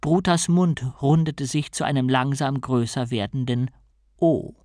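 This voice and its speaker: A woman narrating a humorous fantasy audiobook in an expressive, lively reading. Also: extremely low pitch, normal speed, dry recording, clean studio sound. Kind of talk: scripted storybook narration.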